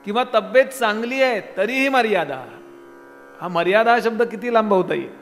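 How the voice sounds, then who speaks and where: A high-pitched man preaching, asking his listeners question after question in a chatty discourse style. His voice rings with long reverb in a large hall. Faint instrumental music plays underneath. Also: brisk, a bit bright. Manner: conversational preaching with rhetorical questions. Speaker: kirtan preacher. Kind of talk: Marathi devotional discourse.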